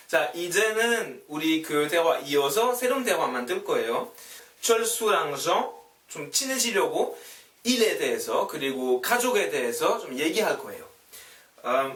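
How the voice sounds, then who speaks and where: A man giving a beginner language lesson, patient and methodical, saying each word several times over. His voice is bright, with lively swings of pitch. The sound is roomy, with the mic some distance away. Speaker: French teacher.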